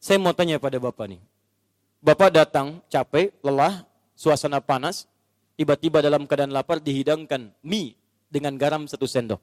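Male preacher, high-pitched, storytelling sermon with acted scenes, recorded with a long hall echo. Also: moderate pace, a little mellow. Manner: storytelling, acts out scenes and quizzes the audience.

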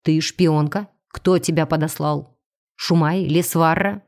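A woman's voice: sits low, fairly even intonation, unhurried, a little mellow. A woman reading an audiobook, voicing a cold, commanding male alien starship captain. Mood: interrogating.

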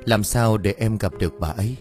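A man's voice: lowish voice, brisk, darkish tone, faint music behind, close to an everyday voice. Man doing an eager young woman. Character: young woman seeking a lost nurse, eager and emotional.

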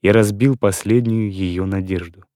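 Mellow-voiced male audiobook narrator. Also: fairly low pitch, fairly even intonation, no room sound, studio quality. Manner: earnest, measured first-person storytelling. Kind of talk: scripted literary narration.

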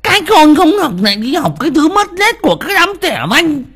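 A narrator voicing a shrieking old village mother, wailing and scolding her son in a shrill voice. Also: huge pitch swings, fairly quick, sharp tone, full character voice. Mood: furious wailing.

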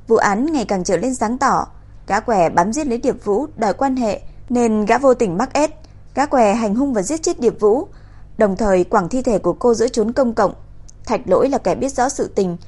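A woman reading a crime novel aloud in an even, steady storytelling voice. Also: medium pitch. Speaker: narrator. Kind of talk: audiobook narration.

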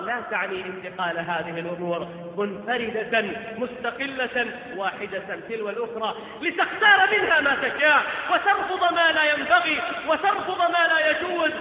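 A man preaching a Friday sermon in declamatory oratory, swinging between hushed lines and loud, ringing proclamations with emphatic repetition. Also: extremely high pitch, normal speed, few pauses. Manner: rhetorical questions and emphatic repetition. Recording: muffled recording in a hugely echoing hall.

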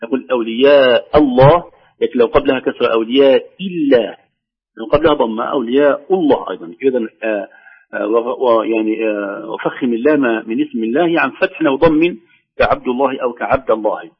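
A man teaching the rules of Quran recitation, explaining each rule and then reciting slow, drawn-out examples. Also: mid-range voice, slightly rough, lo-fi sound. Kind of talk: tajweed lesson with recited examples.

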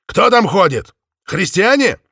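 A man's voice: high-pitched, sing-song, a little slow, bright, forceful tone, no echo, studio quality, pitched above the performer's own voice, exaggerated voice. A man voicing a bold Spanish adventurer who talks in a brash, scoffing way.

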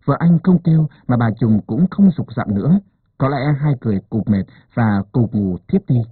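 A man narrating a story as an expressive audiobook reader. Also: mid-range voice, moderate pace, husky, no room sound. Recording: narrow phone-like dry sound.

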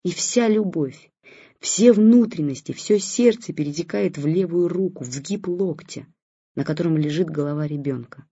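Audiobook narrator, calm storytelling, husky and dry, lo-fi sound. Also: medium pitch, normal speed, no room sound. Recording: dull lo-fi recording.

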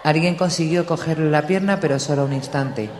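A man reading an audiobook in a steady, measured storytelling voice. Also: a little high. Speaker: audiobook narrator. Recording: echoey room with long reverb, faint hiss.

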